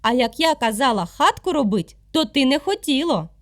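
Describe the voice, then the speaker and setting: A woman's voice: sing-song, moderate pace. A woman doing a scolding little calf. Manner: reproachful, high and loud. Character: scolding little female calf, bare and cold. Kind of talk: storybook character voice.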